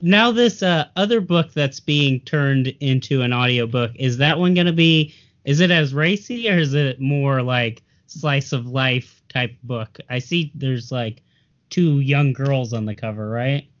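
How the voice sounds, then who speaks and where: A man from Indiana co-hosting a podcast, full of deadpan jokes. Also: medium pitch, a little slow. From Indiana, USA. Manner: joking, deadpan quips. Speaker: podcast co-host. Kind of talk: casual podcast chat. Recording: dull lo-fi audio.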